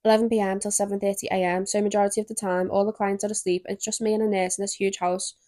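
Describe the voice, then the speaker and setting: A woman's voice: medium pitch, flat delivery, racing, mellow, no room sound. A young woman hosting a spooky stories podcast, chatting casually and reading stories aloud with giggly asides. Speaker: podcast host.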